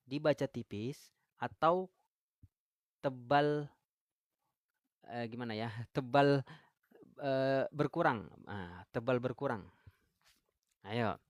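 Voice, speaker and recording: A man with an Indonesian accent teaches Quran recitation on a live stream, at an ordinary middle pitch. He quizzes his viewers and reads their comments aloud. The sound is dry and close, with no room echo. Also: takes it slowly, pauses often. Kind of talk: live-stream tajwid lesson.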